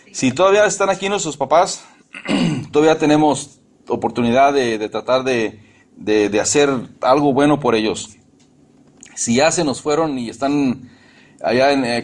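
Husky middle-aged man preaching emphatically. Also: mid-range voice. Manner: emphatic, repeats and restarts phrases. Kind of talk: sermon.

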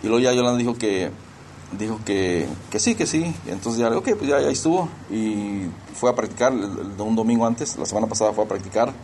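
A man's voice: fairly low pitch, brisk, a little mellow, a little hiss or hum. A middle-aged man preaching a sermon in a conversational way, slipping into English phrases and often restarting his sentences. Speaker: pastor.

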